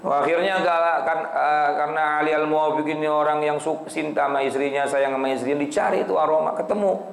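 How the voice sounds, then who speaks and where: A man's voice: fairly high pitch, steady tone, quick pace, gravelly. A man preaching, telling stories in a folksy way and asking the crowd questions. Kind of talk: lively sermon storytelling. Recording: echoey hall.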